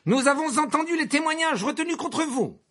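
A man's voice: very high-pitched, lively intonation, brisk, fairly bright tone, voice pushed up. A man voicing a stern older male judge who declaims his sentences with cold fury in an audiobook reading. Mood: thundering. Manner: thundering, declaiming. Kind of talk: audiobook character voice.

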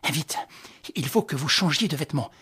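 A reader with a husky voice voicing a young gentleman who gives firm, clipped orders in an audiobook. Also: medium pitch, expressive, moderate pace, heavily acted. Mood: commanding. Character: young gentleman, calm and commanding.

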